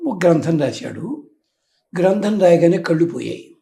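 A man with a raised, gravelly voice and a dark, mellow tone gives a devotional explanation. He teaches through homely comparisons and acts out the quoted lines of old tales. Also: fairly high pitch, lively intonation, moderate pace. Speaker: spiritual teacher.

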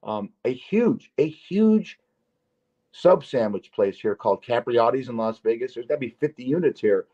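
A man hosting a podcast, chatting loosely and telling stories with lots of restarts and emphatic asides. His voice sits at an ordinary middle pitch. The audio is a bit dull and lo-fi. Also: expressive, moderate pace, mellow. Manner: rambling, restarts, emphatic storytelling. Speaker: podcast host. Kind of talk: casual chat. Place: Las Vegas.

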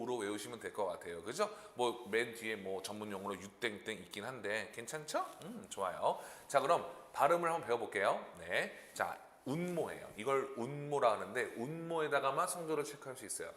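Guy teaching a language class online, lively voice, sounds all echoey. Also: medium pitch. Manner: lively, demonstrative, drills tones aloud. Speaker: Chinese teacher. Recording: echoey room with long reverb.

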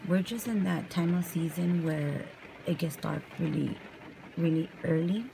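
A young woman from California chatting softly and casually in ASMR style while brushing her hair in a parked car at night. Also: lowish voice, steady tone, a little slow, gravelly, background noise. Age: young adult. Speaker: vlogger. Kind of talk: soft-spoken ASMR chat. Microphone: camera close up.

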